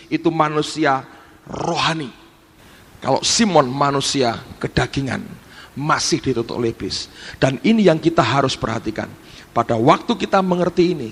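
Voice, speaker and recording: A middle-aged pastor preaching a sermon, acting out Bible scenes in a lively way. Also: male voice, mid-range voice, a little hiss or hum. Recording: long hall reverb.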